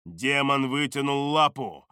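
A man narrating a dark fantasy audiobook in a measured, deliberate way on a close studio mic. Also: medium pitch, animated, smooth, no room sound.

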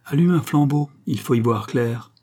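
A man's voice: mid-range voice, moderate pace, dark tone, pitched above the performer's own voice, natural voice. A man voicing a commanding, ruthless young adventurer who gives curt, threatening orders in an audiobook.

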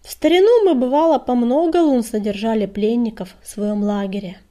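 A woman voicing a creaky-voiced old female cat in a storybook reading. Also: on the high side, normal speed, mellow, natural voice. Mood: pleading.

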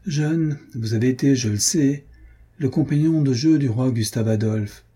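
A man's voice: mid-range voice, moderate pace, mellow, slightly rough, lightly acted. A man voicing a stern, menacing soldier-captain who speaks in clipped, bitten-off words. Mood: accusing. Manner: clipped, chewing his words.

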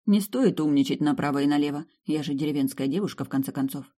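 A woman voicing a brisk, ironic young heroine in an audiobook. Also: sits low, dark tone. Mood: thoughtful.

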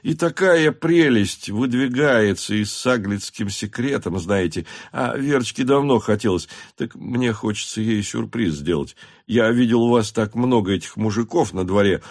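A man's voice: fairly low pitch, lively intonation, moderate pace, no room sound, clean studio sound. A man reading a novel aloud, voicing a fawning, self-satisfied officer who asks favours politely. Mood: ingratiating. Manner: ingratiating, polite.

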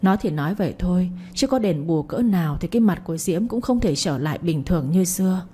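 A woman tells a family drama in a measured, moralizing tone. Her voice is mellow and warm with a slight husk. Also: lowish voice, animated, husky. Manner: measured, commenting on events. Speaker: storyteller. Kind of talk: narrated moralizing story.

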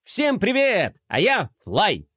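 An excitable plastic skater boy from a storybook, bright and chirpy. A man acts him out, pitched high with lively swoops, in a dry, close sound. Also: takes it slowly, husky, dry recording, full character voice. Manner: chirpy, lovestruck, giggly. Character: excitable young male toy skater.

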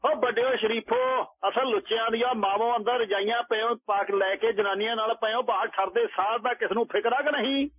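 A cocky, drunken old holy man, voiced by a man taunts and insults everyone in a high, husky voice. His talk is bold and mocking. It comes over a thin, phone-like radio line. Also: normal speed, no echo. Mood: defiant.

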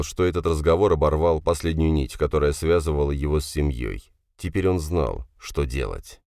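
A male narrator reads the audiobook in a measured, steady way. His voice is very deep, with lively swings of intonation. The recording is dry and close, with no room echo. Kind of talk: scripted narration.

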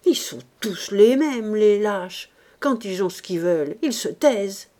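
A woman putting on a gruff old vagabond who rants in loud, theatrical bursts, his voice leaping high and swinging widely as he heaps grand insults on everyone around him. Slow and deliberate, a storybook grump. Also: very animated. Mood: gruff scolding. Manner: blustering, ranting, grandly insulting. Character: gruff grumbling old male vagabond philosopher. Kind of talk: audiobook character reading.

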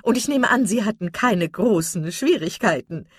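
Woman doing a gossipy old matron, loud and excited, husky, dry audiobook sound. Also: medium pitch, moderate pace, dry recording, voice pushed up. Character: talkative older matchmaking woman, gossipy. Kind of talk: audiobook character reading.

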